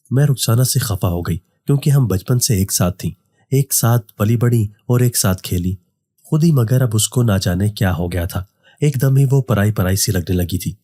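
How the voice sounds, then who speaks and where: Low husky male storyteller. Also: no room sound, clean studio sound. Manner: steady first-person reading of a female narrator's story. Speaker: story narrator. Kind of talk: scripted horror story narration.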